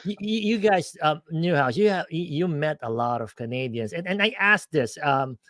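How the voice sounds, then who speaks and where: A man from the United States hosting a casual streamed chat show, talking excitably with lots of stammering restarts. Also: a little high, normal speed, dry recording. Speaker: podcast host.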